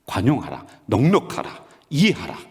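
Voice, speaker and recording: A male senior pastor preaching a sermon in an animated, rhetorical way, often calling out to the congregation directly. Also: medium pitch, normal speed. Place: church sanctuary. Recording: long reverb of a church sanctuary.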